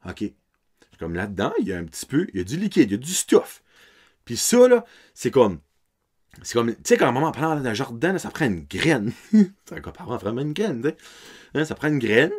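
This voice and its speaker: A man's voice: medium pitch, very animated, moderate pace, a little mellow. A man in his thirties with an Acadian French accent, hosting a podcast and telling a story in a casual, laughing way, dropping English words into his French. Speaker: podcast host.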